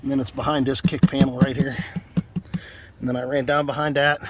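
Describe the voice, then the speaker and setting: An American vlogger with a mid-range voice and flat, fairly quick delivery gives an unscripted walkthrough of his truck radio install. He rambles in a folksy, casual way and often repeats himself. The handheld outdoor video, shot in and around a parked truck, has clear background noise.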